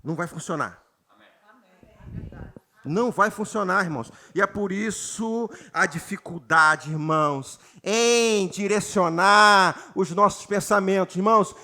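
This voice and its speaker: Bright, high-voiced Brazilian pastor preaching. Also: male voice. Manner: preaches with rising emphasis, addresses the congregation often; reads scripture slowly and has the congregation repeat words. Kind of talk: sermon. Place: church retreat gathering.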